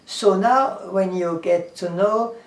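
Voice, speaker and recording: This high-pitched man with a German accent takes it slowly, giving an English teacher's casual talk to camera. He is earnest, says things more than once, lists ideas individually and quotes scripture, and the sound is echoey since he sits far from the mic.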